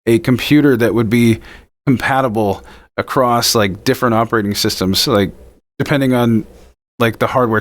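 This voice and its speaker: Curious male podcast host. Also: lowish voice. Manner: curious, asks follow-up questions, laughs easily. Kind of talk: casual interview.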